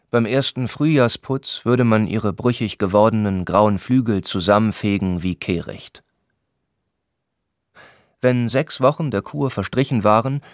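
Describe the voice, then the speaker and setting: Calm, low-voiced male audiobook narrator. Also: no echo, studio quality. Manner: calm, measured, descriptive. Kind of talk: scripted literary narration.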